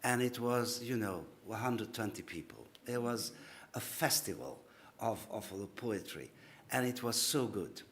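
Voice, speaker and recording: A man giving a halting, informal welcome speech with many fillers. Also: medium pitch, expressive, fairly bright tone, a little hiss or hum. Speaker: guest speaker.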